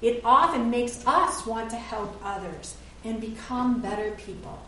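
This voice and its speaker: A middle-aged woman pastor preaches earnestly and conversationally in a church sanctuary, her slightly high voice a little slow, pushed, and bright, and she sometimes stops to correct a word. She's captured from a distance amid heavy, ringing echo, with a faint hiss underneath.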